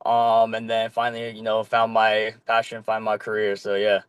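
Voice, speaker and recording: A man's voice: fairly low pitch, moderate pace, clear, resonant tone, no echo. Guest, young man, loose and easygoing, lots of filler, dry close sound. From Korea. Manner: relaxed, loose, with many ums and casual swearing. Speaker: podcast guest, flag football player. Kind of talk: casual chat.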